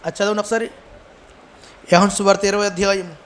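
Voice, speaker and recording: A man's voice: sits high, flat delivery, brisk, a little hiss or hum. A man pastor with a Telugu accent, preaching a sermon and calling on the congregation to answer him. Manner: call-and-response preaching, asks the congregation to answer; acts out quoted lines with a rising, shouted voice.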